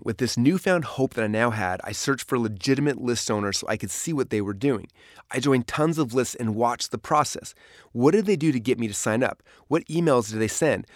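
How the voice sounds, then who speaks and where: With a medium-pitched voice and clean studio sound free of room noise, a man narrates the audiobook of his own memoir. He reads it as a story, with dramatic moments here and there.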